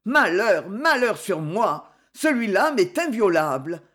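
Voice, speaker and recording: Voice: mid-range voice, big pitch swings, takes it slowly, slightly rough, exaggerated voice. A reader voicing a fiery defiant swordsman. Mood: impassioned. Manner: impassioned, loud, defiant outbursts. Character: proud fiery adventurer, young male swordsman. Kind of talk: audiobook character reading.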